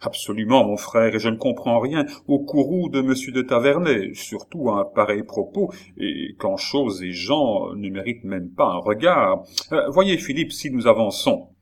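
A man reading an audiobook, voicing a calm, haughty young noblewoman with a cool, composed manner. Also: mid-range voice, moderate pace. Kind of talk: audiobook character voice.

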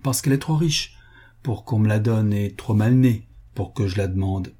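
A man's voice: lowish voice, moderate pace, dark tone, husky. A man voicing an impertinent young duke who talks with a slight whistling hiss.

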